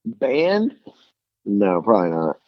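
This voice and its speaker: Speaking slowly in a fairly low voice with huge swings in pitch, a musician from Tennessee chats by phone from his lakeside home. His Southern accent is thick, and his stories ramble and poke fun at himself, with many false starts. The sound has no echo and the highs are cut off.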